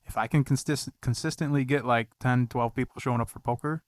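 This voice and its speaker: A man's voice: mid-range voice, steady tone, a little fast, no echo. A man hosting a podcast in a casual chat, laid-back, swearing often and laughing a lot. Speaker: podcast host.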